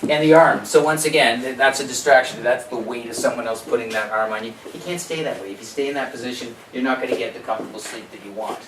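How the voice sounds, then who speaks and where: A man with a medium-pitched voice speaks quickly with few pauses, presenting an informal health seminar. He's conversational and opinionated, using rhetorical questions and quoted asides. The room echoes, the mic is distant, and there's background noise.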